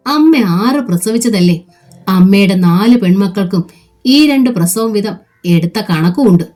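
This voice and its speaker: A woman's voice: medium pitch, animated, unhurried, darkish tone, faint music behind, natural voice. A woman reading a novel aloud, voicing a blunt, indignant young sister-in-law who asks pointed questions. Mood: reproachful.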